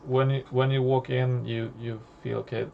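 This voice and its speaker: Gravelly male game master, hesitant, filler-heavy delivery. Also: mid-range voice, little pitch movement, highs cut off, slight background noise. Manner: halting, many fillers and restarts. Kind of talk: narrating a tabletop horror game.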